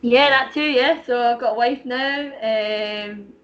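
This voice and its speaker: A woman's voice: on the high side, takes it slowly, a bit bright. Chatty Canadian woman, lo-fi audio. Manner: chatty, frequent "like" and "you know" fillers. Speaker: podcast guest, personal trainer. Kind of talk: casual interview chat.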